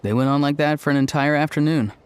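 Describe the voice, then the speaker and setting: A man's voice: fairly high pitch, quick pace, background noise, lightly acted. Actor as an earnest, easygoing young tribesman. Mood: amused, explaining. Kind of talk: video game character acting.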